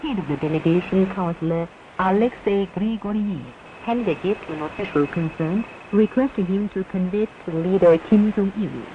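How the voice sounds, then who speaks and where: A woman reads a formal, scripted state news bulletin in the solemn, measured manner of a North newsreader. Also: mid-range voice. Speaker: radio newsreader. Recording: tinny, noisy shortwave radio recording.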